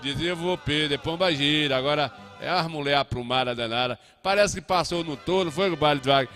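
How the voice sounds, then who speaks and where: A man hosts live radio with folksy, teasing banter. His voice is bright and sits a bit high for a man. Faint music plays under him. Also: brisk. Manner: folksy, teasing, addresses friends as compadre. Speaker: radio show host.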